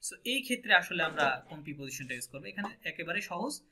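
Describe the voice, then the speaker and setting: A man with a Bangladeshi Bengali accent leads a French lesson and keeps checking that his students follow. His voice is very bright and sits a little high. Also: sing-song, fast, slight background noise. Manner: patient, asks checking questions often. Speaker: French teacher. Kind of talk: online language class.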